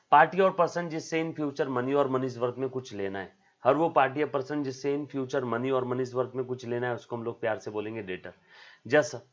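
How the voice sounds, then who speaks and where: A man teaching a commerce class on video, repeating his points over and over and calling the students "beta". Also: medium pitch. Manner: repetitive, drilling, calls students "beta". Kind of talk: recorded video lecture. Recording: slightly dull lo-fi sound.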